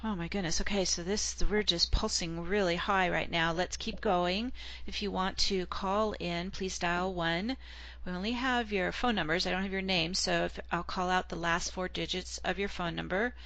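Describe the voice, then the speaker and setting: Smooth, soothing woman radio host. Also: lowish voice, fairly even intonation, moderate pace, fairly bright tone, no room sound. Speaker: call-in show host. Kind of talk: hosting a spiritual call-in broadcast.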